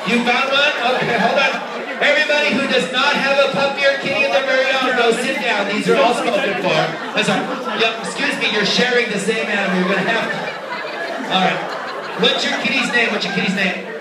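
A man's voice: extremely high pitch, a little fast. A man hosting a live hypnosis stage show, coaxing and instructing with short, repeated commands. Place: large indoor venue at a school stage show. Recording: distant, echoey hall with noisy crowd. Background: loud audience noise and laughter.

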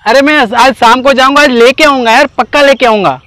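A young man pulling a prank in an outdoor park, cheeky and mock-apologetic as he talks loudly on his phone. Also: very high-pitched, a little fast, smooth, dry recording. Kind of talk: hidden-camera prank banter.

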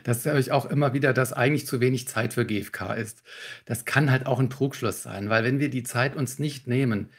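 A man with a gravelly, slightly husky voice talks in a podcast interview as a communication trainer. He explains calmly and instructively, walking through techniques step by step. His pitch sits in the middle range. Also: brisk. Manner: calm, instructive, walks through techniques with examples.

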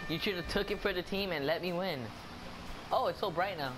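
High, boyish young gamer guy, very excitable. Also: a little fast. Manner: excitable, teasing, giggly. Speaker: video game player. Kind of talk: casual gaming banter with a friend. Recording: clearly noisy game-session recording.

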